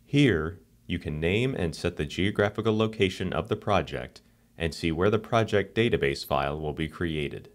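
This software screencast is voiced by a very deep-voiced man reading a script at a moderate pace. He guides viewers through every step in a calm, level, unhurried teaching manner.

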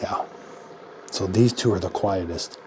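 A man's voice: low voice, measured pace, noisy background. A middle-aged man giving a casual hands-on product demo in his home kitchen, thinking aloud in a plain-spoken way as he works. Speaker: product reviewer.

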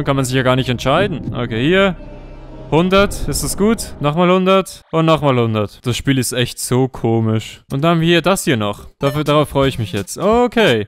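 A man giving comedic let's-play commentary, joking and often squealing up in pitch. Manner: jokey, exaggerated, often squeals and jumps up in pitch. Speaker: gaming YouTuber.

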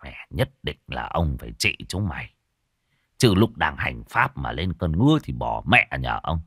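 A man's voice: rumbling low, big pitch swings, normal speed, creaky, a bit bright, breathy edge, dry recording, clean studio sound, voice pushed down, full character voice. A man voicing a crude, grumbling old exorcist. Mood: gruff. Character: old male village exorcist, gruff and greedy.

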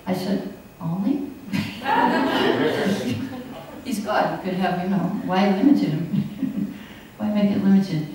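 This older woman's mid-range voice is expressive and slow, with frequent pauses and a darkish tone, as she gives a chatty scripture lesson peppered with stories and laughter. The recording comes from a distance in an echoey indoor hall via a podium mic on a stand, with slight background noise.

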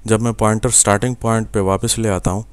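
In a screen-recorded tutorial with no echo, a young Pakistani man with an Urdu accent teaches software from his desk. His very low, smooth, resonant voice has a flat delivery, and he works patiently step by step, pausing on fillers and checking in with the viewer.

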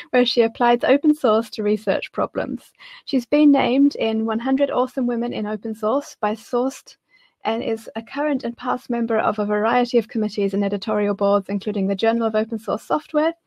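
A woman's voice: a little high, darkish tone, no echo. A woman in her thirties hosting an online conference session, introducing the next speaker, slightly flustered and apologizing for her slips. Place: home room, indoors. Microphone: headset, video call.

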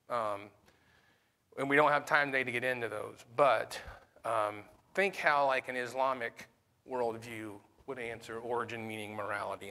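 Another pastor leads a Sunday school class in a conversational way, using fillers and frequently questioning the class. His voice is medium-pitched with a sharp tone.

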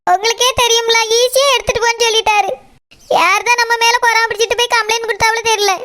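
A woman's voice: very high voice, fairly even intonation, quick pace, pushed and bright. A woman with a Tirunelveli Tamil accent voicing a tearful, scolding village mother-in-law in a cartoon. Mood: lamenting. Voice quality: wailing, complaining. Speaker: cartoon character. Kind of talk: cartoon voice acting.

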